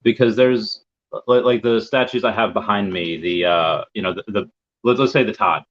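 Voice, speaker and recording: A young American man with a lowish voice talks at a moderate pace as a guest on a casual video-call interview. He rambles and repeats words while searching for his thoughts. The audio is dull and lo-fi.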